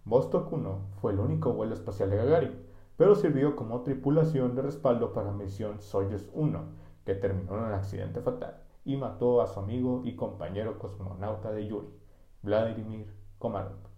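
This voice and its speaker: A man's voice: on the low side, moderate pace, warm tone, dull audio. A man hosting a comic history podcast with a Mexican Spanish accent, playful and jokey. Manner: playful, jokey, breaks into bits. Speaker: podcast host. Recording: echoey room.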